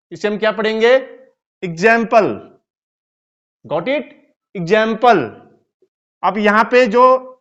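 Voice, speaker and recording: High-voiced Indian man teaching English. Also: fairly bright tone, clean tone. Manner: spells words letter by letter and asks the class questions. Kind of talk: video lecture. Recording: dull lo-fi recording.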